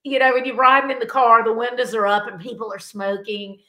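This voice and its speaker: A woman's voice: a little high, little pitch movement, a little fast, sharp tone. A woman of sixty hosting a podcast interview in a casual, chatty way, laughing easily. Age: 60s. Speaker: podcast host. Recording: roomy echo.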